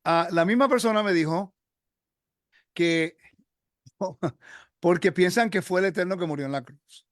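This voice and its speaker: A man's voice: high-pitched, a little slow, pauses often, no room sound, studio quality. A man hosting a religious discussion, talking earnestly and emphatically with many fillers and restarts.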